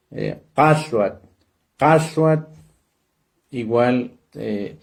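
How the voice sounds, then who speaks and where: A man with a Mexican Spanish accent teaches pronunciation in a relaxed, unhurried way. His voice sits in a middle pitch, and he speaks slowly. He pauses often and repeats sounds syllable by syllable. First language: Totonac. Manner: slow, repeats syllables and checks in with "¿sale?". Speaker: language teacher. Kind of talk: casual spoken lesson.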